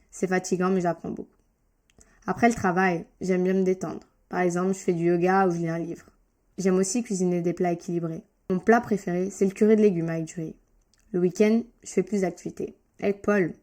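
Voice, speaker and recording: A woman teaching French, reading a beginner lesson text aloud with careful, clearly articulated delivery and brief explanatory asides. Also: fairly low pitch, dark tone.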